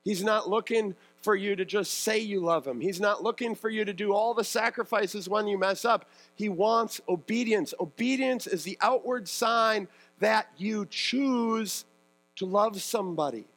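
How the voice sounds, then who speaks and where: A man with a notably high-pitched voice preaches a sermon to his congregation. He keeps it conversational, often dropping into the voices of the people he describes. He talks as a husband and a parent. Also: a little slow, fairly bright tone, low-quality recording. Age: adult married parent. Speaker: pastor.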